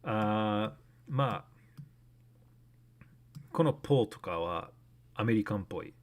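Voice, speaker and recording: A man's voice: fairly low pitch, expressive, slow pace. A young man casually thinking aloud while streaming a guessing game, rambling with many fillers.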